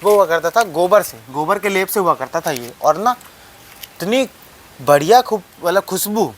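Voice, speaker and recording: A man's voice: sits high, expressive, normal speed, slight background noise. Rambling young man on a house tour. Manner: rambling, repeats phrases, talks to viewers. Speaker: vlogger. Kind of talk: casual vlog tour. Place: old mud house, indoors and outdoors. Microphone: phone camera.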